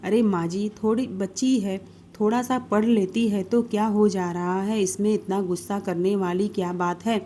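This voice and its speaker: A woman voicing a kind, caring young sister-in-law who comforts gently in a cartoon story. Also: medium pitch, fairly even intonation, normal speed, slight background noise, lightly acted. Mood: comforting.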